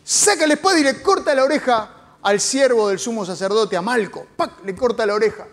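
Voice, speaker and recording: A man's voice: very high-pitched, lively intonation, a little fast. A man with an Argentine accent, a pastor preaching a sermon as dramatic storytelling with rhetorical questions. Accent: Argentine Spanish.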